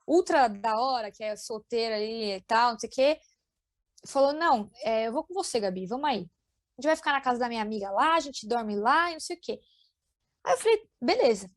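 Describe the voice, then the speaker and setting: A young woman with a São Paulo accent, a podcast guest telling lively fan stories full of slang and acted-out quotes. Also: high-pitched, dry recording, clean studio sound. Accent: São Paulo Portuguese. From São Paulo, Brazil. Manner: animated, acts out quoted voices, lots of slang fillers. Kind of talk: casual storytelling chat.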